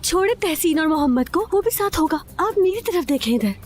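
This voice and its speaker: A woman's voice: very high voice, expressive, brisk, darkish tone, soft background music. A woman voicing a nervous young journalist who coaxes and stalls in a flustered way. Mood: coaxing. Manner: coaxing, flustered.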